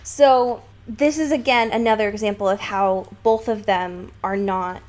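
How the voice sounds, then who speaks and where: This woman's voice is medium in pitch and darkish in tone, with fairly even intonation and a measured pace. As a podcast co-host she analyzes a book in a casual way, using emphatic and lightly profane language.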